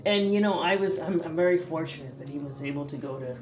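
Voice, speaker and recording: A woman's voice: low voice, quick pace, noisy background. A woman from the northeastern US talking casually to her camera in a chatty, rambling way, full of fillers and restarts. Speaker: vlogger.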